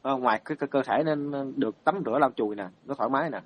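Male monk, halting dharma storyteller, middle-pitched. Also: no echo. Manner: hesitant, many fillers and repeated words. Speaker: Buddhist monk.

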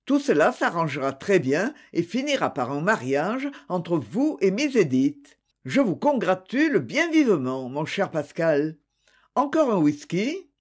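A man's voice: high voice, sing-song, a little slow, exaggerated voice. A man voicing a cheerful, plump, bumbling Englishman who talks in jovial, clumsy phrases.

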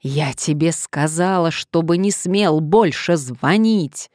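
Brief: a loud, scornful young woman, voiced by the narrator, snapping back in anger. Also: deep voice, animated, normal speed, no room sound, studio quality. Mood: furious. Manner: fiery, scornful retorts. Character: furious sharp-tongued young woman. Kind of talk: audiobook character reading.

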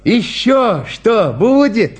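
A man's voice: high voice, sing-song, drawn-out words, slightly rough, pitched above the performer's own voice, heavily acted. A man voicing a blunt, sensible male spectator who talks in a dismissive, matter-of-fact way, read from a storybook. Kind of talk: storybook reading.

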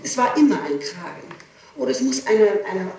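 Under formal questioning by a prosecutor, a woman with a mid-range, darkish voice speaks at normal speed with lively intonation, explaining herself and stressing details as she repeats them. The interrogation was taped in a reverberant room: archival, echoey, distant-miked and hissy.

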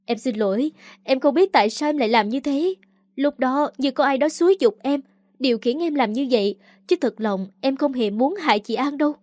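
A woman's voice: sits high, normal speed, darkish tone, no room sound, studio quality, close to an everyday voice. A woman reading aloud the lines of a young woman who sobs and begs for forgiveness, in a storybook narration. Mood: pleading. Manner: sobbing, pleading. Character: tearful pleading young woman, scheming.

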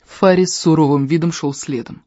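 An audiobook reader narrating a first-person adventure novel in a steady, low-key way. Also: brisk, no echo. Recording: dull, dry lo-fi audio.

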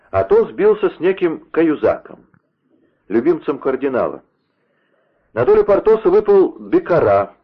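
A man narrating an adventure story in a steady, expressive reading voice. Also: mid-range voice, breathy edge. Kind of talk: dramatic audiobook reading. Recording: tinny phone-like radio sound.

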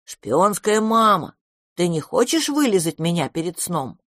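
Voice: medium pitch, sing-song, a little slow, fairly bright tone, no room sound, studio quality. A reader voicing a huge, clingy monster child who talks in a tearful, pleading, childlike way in an audiobook. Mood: sleepy. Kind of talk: audiobook character reading.

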